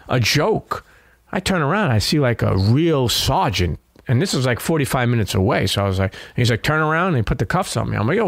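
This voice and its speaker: A man's voice: mid-range voice, dry recording. Brooklyn-accented man, streetwise and dry-miked. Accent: Brooklyn New York. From Brooklyn, New York. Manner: streetwise, profane, frequent "you know". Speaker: interview guest. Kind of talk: candid conversational storytelling.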